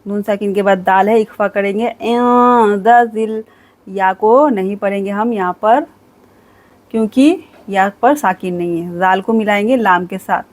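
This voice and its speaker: A woman teaching Quran recitation rules, reciting each phrase slowly and drawn out, then explaining each rule in quick, patient instructions. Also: mid-range voice, darkish tone. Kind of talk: tajweed lesson, recitation with explanation.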